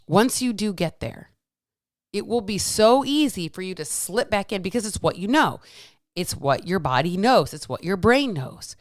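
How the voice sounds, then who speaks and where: A woman's voice: medium pitch, animated, normal speed, no echo, studio quality. A woman around forty talking casually and candidly on her own, swearing and repeating phrases for emphasis, her speech slightly altered by the dental retainers she is wearing. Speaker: podcast host, health coach. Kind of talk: casual solo monologue telling a story with lessons.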